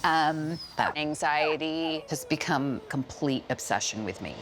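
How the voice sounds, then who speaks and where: A woman's voice: low voice, unhurried, a little hiss or hum. A middle-aged woman from Sweden, a dog owner talking casually and playfully about her dogs. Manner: chatty, playful, laughs at herself. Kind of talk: casual interview. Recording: music bed underneath.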